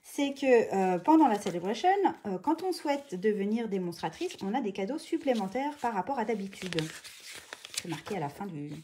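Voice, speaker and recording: A woman hosting a live craft tutorial, chatting casually, greeting viewers by name and filling pauses with hesitations. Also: mid-range voice, expressive, warm tone, a little hiss or hum. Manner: chatty, greets viewers by name mid-sentence, many fillers.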